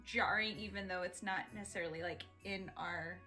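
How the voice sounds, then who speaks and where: A woman's voice: lowish voice, fairly even intonation, a little fast, pushed and bright, faint music behind. A woman player in a tabletop role-playing game, giggling through her words. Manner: giggly, laughs between words. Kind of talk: casual tabletop game play.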